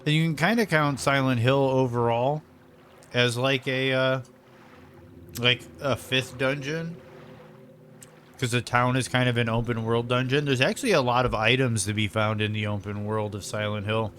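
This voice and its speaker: A man casually commenting on his video game stream in a rambling, relaxed way, eating lunch as he talks. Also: medium pitch, normal speed, slight background noise. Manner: rambling, relaxed, lots of fillers. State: eating while talking.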